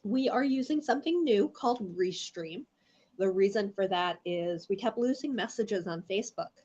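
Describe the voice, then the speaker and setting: A middle-aged woman hosts a live online gem show, rambling and chatting casually and greeting viewers by name, while congested and coughing from allergies. Her medium-pitched voice is animated and darkish with a breathy edge, moving at normal speed. The sound is lo-fi.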